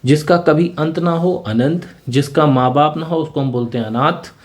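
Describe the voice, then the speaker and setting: A man teaching a vocabulary lesson for exam preparation. He explains each word patiently and keeps adding a quick tag question to check that his students are following. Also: fairly high pitch.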